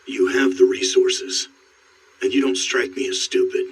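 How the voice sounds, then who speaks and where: A man voicing a grim, armored male monster hunter in an anime English dub, speaking in terse, flat, clipped replies. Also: medium pitch, unhurried, a little hiss or hum, close to an everyday voice. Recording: distant voice under loud score.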